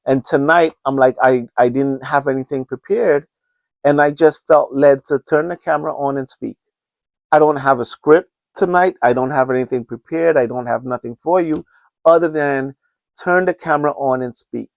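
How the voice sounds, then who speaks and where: On his unscripted solo podcast, a man in his fifties from Trinidad and Tobago speaks at normal speed in a creaky, medium-pitched voice. His talk is earnest and meandering, full of restarts and sermon-like urging, and the studio-quality audio has no room sound.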